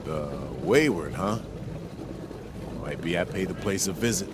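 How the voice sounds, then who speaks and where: A man's voice: deep voice, expressive, a little slow. An actor playing a wary male wasteland treasure seeker in a game, with casual, terse, tough talk. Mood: guarded, casual. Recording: clear background ambient noise.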